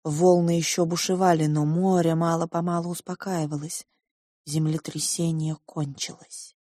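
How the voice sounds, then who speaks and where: A woman reading a story aloud in a slow, deliberate audiobook narration. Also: sits low, little pitch movement, mellow, dry recording, studio quality.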